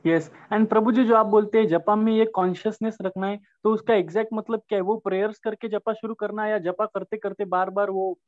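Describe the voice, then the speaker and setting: A respectful man hesitantly asks his teacher a question over a call. His voice is high and sounds tinny, like a phone line, with a dry, close sound. He pauses with fillers as he searches for words. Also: steady tone, no echo. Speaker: participant asking a question. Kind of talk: devotional Q&A question.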